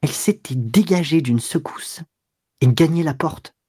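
A man reading a classic novel aloud as an audiobook narrator, in a steady, measured storytelling manner. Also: a little high, husky, no echo, studio quality. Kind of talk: scripted literary narration.

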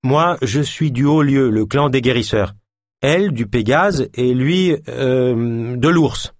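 A man's voice: mid-range voice, slow pace, dry recording, clean studio sound, pitched above the performer's own voice, close to an everyday voice. A man voicing a polite, earnest young healer who turns urgent in an audiobook. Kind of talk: audiobook character voice.

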